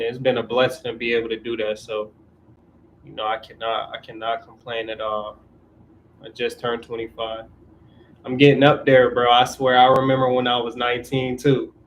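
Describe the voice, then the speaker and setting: A man's voice: mid-range voice, slight background noise. A man in his twenties hosting a casual live stream Q&A, talking in a laid-back way, reading viewer questions and giving relationship advice. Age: 20s. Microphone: camera on auto-tracking mount.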